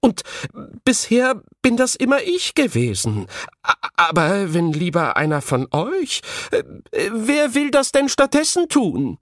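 A man putting on a kindly fairy-tale queen from a children's audiobook, lifted well above his usual voice. She stammers and hesitates, swinging widely in pitch. The sound is dry and close. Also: huge pitch swings, a little slow, a bit bright, no room sound, full character voice. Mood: confused. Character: flustered kindly good queen. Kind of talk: audiobook reading.

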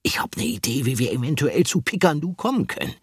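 A husky-voiced man voicing an eager, clever male mouse in an audiobook reading. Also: no room sound, studio quality. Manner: excited, quick, high-pitched exclamations.

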